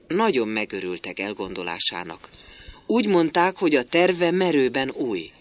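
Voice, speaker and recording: A man's voice: medium pitch, sing-song, pitched above the performer's own voice, close to an everyday voice. A man reading a play aloud, voicing an ailing old man who pleads in a tired way. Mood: pleading.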